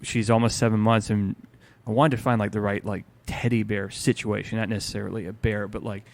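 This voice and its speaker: Low gravelly guy, musician on a podcast, rambly storyteller, lotsa ums. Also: little pitch movement, a little fast. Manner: rambling storyteller, lots of fillers and restarts. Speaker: musician guest. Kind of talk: casual podcast chat.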